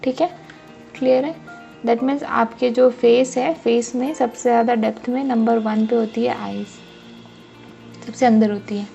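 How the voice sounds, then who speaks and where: A woman's voice: a little high, fairly even intonation, a little slow, gravelly, mellow, highs cut off, soft background music. A woman teaching a drawing lesson step by step, often checking that her students follow. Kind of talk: casual drawing tutorial.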